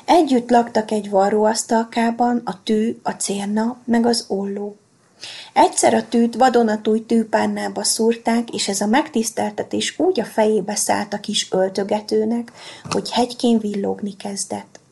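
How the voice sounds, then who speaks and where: Female storybook reader, gentle and even, husky with some fry. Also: medium pitch. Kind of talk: storybook narration.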